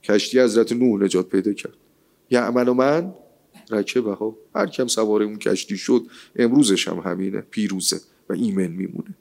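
A man giving a lively, colloquial sermon, asking rhetorical questions and reciting scripture. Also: fairly low pitch, gravelly. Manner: rhetorical, animated, quotes scripture. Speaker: religious speaker.

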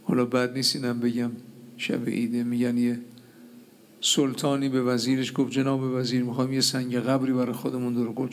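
A man preaching a sermon from the pulpit, telling stories and acting out the dialogue in lively voices. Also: mid-range voice, creaky, slight background noise. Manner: lively storyteller acting out dialogue, laughing at his own tales.

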